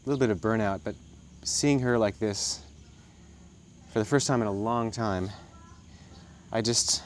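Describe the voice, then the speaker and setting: A man in his thirties giving unscripted, halting and reflective explanations as a wildlife guide. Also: lowish voice, slight background noise. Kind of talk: unscripted talk to camera. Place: outdoors at an animal sanctuary.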